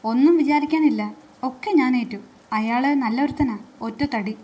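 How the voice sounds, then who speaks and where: A confident village elder who has taken charge of everything and keeps reassuring the family. A woman reads him aloud in a high voice, talking with easy certainty, as in a storybook reading. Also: moderate pace, dark tone, close to an everyday voice. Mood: assured. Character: confident middle-aged village man, matchmaker.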